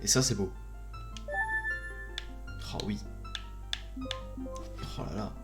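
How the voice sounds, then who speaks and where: A man's voice: on the low side, very slow, over music. A man doing casual live gaming commentary as a streamer, with a jokey, mock-grand manner and muttered asides. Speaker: video game streamer.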